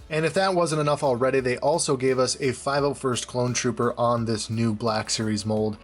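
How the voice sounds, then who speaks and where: A man casually reviewing collectible action figures in detail, talking in a chatty, measured way. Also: medium pitch.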